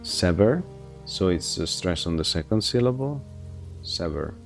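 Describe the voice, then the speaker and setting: A man's voice: sits low, animated, a little fast, faint music behind. A man streaming, reading a narrative game aloud with his own commentary and musing over how words are pronounced. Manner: muses aloud over word pronunciation.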